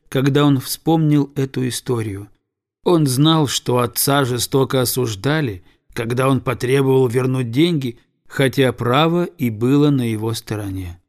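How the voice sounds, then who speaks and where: Man narrating a storybook calmly. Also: medium pitch. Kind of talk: audiobook narration.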